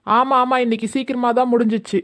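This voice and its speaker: A harried husband, played by a performer in a comedy skit who is stuck between his wife and his mother. He pleads and placates in a mid-pitched voice, trying to calm everyone down. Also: quick pace, lightly acted. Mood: exasperated.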